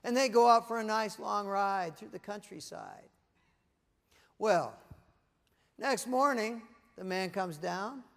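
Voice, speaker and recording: A man giving a live motivational presentation to a leadership audience, telling stories with lively, acted-out voices. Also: high-pitched, slow pace, vocal fry, pauses often, long reverb tail. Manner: animated storytelling, acting out voices. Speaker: motivational speaker. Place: conference room with leadership audience.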